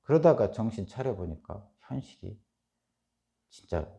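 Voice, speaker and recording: A middle-aged man with a Chungcheong accent delivers a dawn sermon. His voice is low, mellow and gravelly. He preaches animatedly, lifting sharply into loud emphasis and dropping to near-whispers. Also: a little slow, highs cut off. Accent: Chungcheong Korean. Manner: animated preaching, voicing Job's laments, rising loud then dropping soft. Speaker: pastor. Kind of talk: early-morning sermon.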